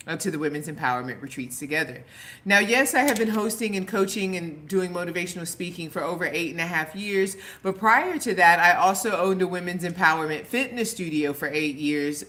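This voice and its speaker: Earnest motivational woman coach, lowish voice. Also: pushed and bright. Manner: earnest, motivational, emphatic repetition. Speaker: women's empowerment coach. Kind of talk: direct-to-camera vlog talk.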